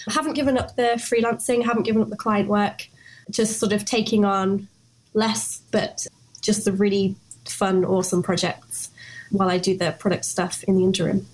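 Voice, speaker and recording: A woman's voice: medium pitch, rough recording. A young British woman, a designer and guest on a podcast, talking casually and hedging with fillers. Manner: relaxed, hedging with "sort of" and "um". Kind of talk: casual interview.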